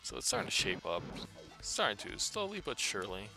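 A tired man giving casual, rambling gameplay commentary in a flat, monotone voice full of fillers. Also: lowish voice, fairly quick, over music. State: tired after a day's work.

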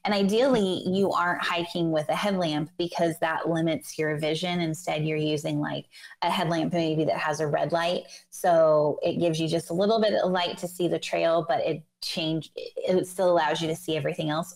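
Deep-voiced woman guest on a video call. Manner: enthusiastic, explaining with many fillers. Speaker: guest author. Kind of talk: casual interview chat. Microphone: earbud headset on video call.

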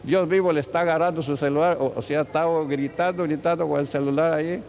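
A man's voice: a little high, steady tone, quick pace, a little mellow. A man from Peru, a pastor with a Peruvian Spanish accent, preaching a testimony sermon with call-and-response cries. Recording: echoey church hall with faint background noise.

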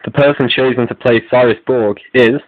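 A man's mid-range voice, with fairly even intonation and normal speed, reads announcements in a scripted way as host of an online video update. The recording has no echo but sounds phone-like, narrow and lo-fi.

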